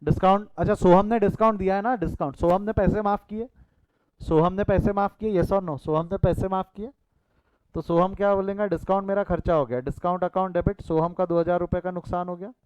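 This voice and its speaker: A man gives an animated accountancy lesson, his voice sitting a little high. He keeps repeating phrases and asking the class questions. The sound is dry and a bit dull, like a lo-fi recording. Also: fairly quick, smooth, dry recording. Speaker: accountancy teacher. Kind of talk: lively classroom lecture with storytelling.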